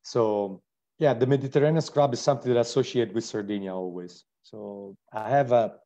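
A man's voice: mid-range voice, brisk, dark tone, lo-fi sound. A man with an Italian accent hosting a live online wine tasting, describing wines with enthusiasm and frequent restarts. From Italy.

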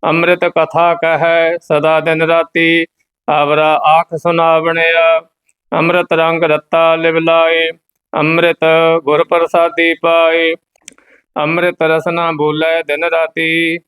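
Slow, measured man reciting scripture. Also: a little high, monotone, fairly bright tone, clear, resonant tone, poor audio. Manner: recites line by line, then briefly explains pauses.

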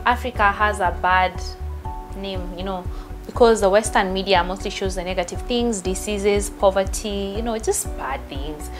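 A young woman from Nairobi, Kenya, guesting on a studio interview show. She talks casually about her life, relaxed and chatty. Music can be clearly heard underneath her voice. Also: medium pitch, normal speed. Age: young adult. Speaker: travel vlogger, guest. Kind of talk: interview conversation. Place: TV studio set.

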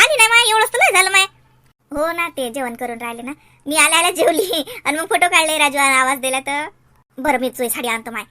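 Brief: fast-talking woman with a bright, sharp voice in a village comedy sketch. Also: sits high. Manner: chatty, fussing village banter.

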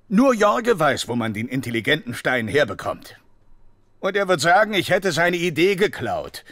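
A man's voice: a little high, fairly bright tone, dry recording, full character voice. A man voicing a dejected, aggrieved, pessimistic outcast in a video game, speaking plaintively.

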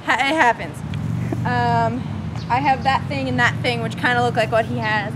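A woman's voice: a little high, steady tone, moderate pace, heavy background noise. A young woman from Long Island, chatting and joking at herself through a casual vlog in a theme park. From Long Island, New York. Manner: chatty and self-mocking, many fillers. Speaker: vlogger host. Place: outdoor theme park streets. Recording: loud crowd and music behind.

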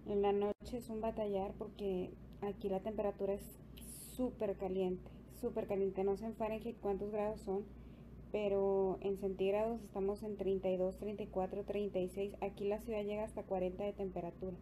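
Mom vlogging from her bedroom, chatty, repeats herself, kinda flat even tone, noisy home video. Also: medium pitch, fairly quick. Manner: chatty, repeats phrases, coos affectionately. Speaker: vlogger and new mother. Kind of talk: casual home vlog. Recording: home video with steady background noise.

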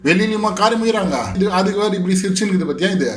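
Brief: male commentator with a high voice, sarcastic and mocking, talking back to a clip, echoey room. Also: very fast, a little hiss or hum. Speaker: reality show commentator.

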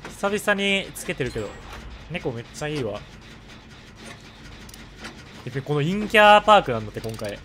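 A man with a hoarse voice, chatting casually while live-streaming a game and thanking viewers for donations. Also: on the high side, sing-song, moderate pace, long pauses, noisy background.

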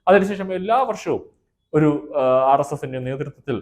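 A man's voice: on the high side, normal speed. Man reading a formal news report. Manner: formal, reads long lists of names and titles. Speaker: news presenter.

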